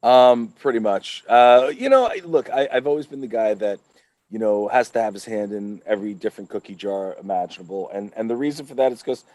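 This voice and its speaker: A man's voice: on the low side, animated, a little fast, darkish tone, no room sound. A man talking as a guest on a podcast, upbeat and emphatic, with motivational swings in his speech. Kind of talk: casual podcast chat.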